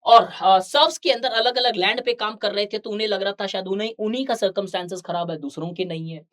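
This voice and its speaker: A woman teaching an exam-prep lecture, slowing down to stress key terms and asking the class rhetorical questions. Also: medium pitch. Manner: asks rhetorical questions to the students.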